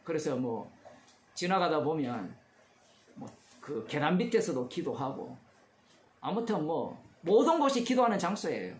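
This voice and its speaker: A man's voice: a little high, big pitch swings, a little slow, darkish tone, roomy sound. A male pastor giving a conversational expository sermon, asking his congregation questions as he explains the text. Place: church.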